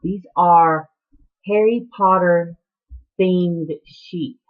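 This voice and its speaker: A woman's voice: on the low side, steady tone, very slow. A woman from Georgia with a Southern accent, hosting a casual podcast from home, chatty and rambling and laughing often. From Atlanta, Georgia. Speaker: podcast host. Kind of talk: casual video podcast chat. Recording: tinny, phone-like sound.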